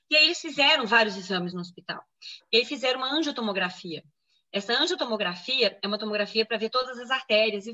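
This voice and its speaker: A woman physician in an interview, explaining a medical case and acting out what others said. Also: on the high side. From Brazil. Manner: explanatory, quoting others in lively reenactment. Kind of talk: interview answers, personal medical account.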